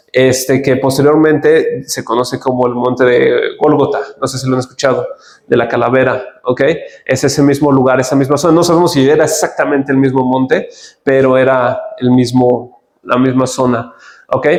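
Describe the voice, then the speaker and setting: A man's voice: on the high side, a little mellow. A man preaching a teaching sermon and reading scripture aloud, in a conversational way that keeps checking in with the listeners. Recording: echoey room.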